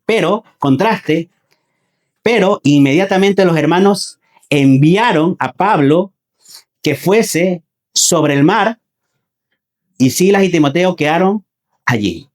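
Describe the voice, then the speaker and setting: Man, preacher, Sunday sermon, repeats his phrases, rhetorical questions to the congregation. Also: on the high side. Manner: addresses listeners as brothers.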